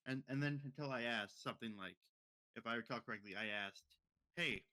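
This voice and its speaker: Young male podcast co-host, rambling storyteller, bright and crisp tone. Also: medium pitch, fast. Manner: rambling, many repeated words and restarts. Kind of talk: casual storytelling.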